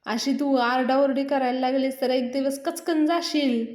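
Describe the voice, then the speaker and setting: A woman's voice: high-pitched, steady tone, moderate pace, darkish tone, close to an everyday voice. A woman voicing a confident, easygoing young village man who reassures his brother. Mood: breezy. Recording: roomy echo.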